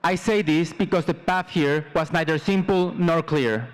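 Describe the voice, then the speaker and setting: Delivering his prepared commencement address formally, this Mexican salutatorian in his twenties speaks in short, measured phrases. His pitch sits fairly high.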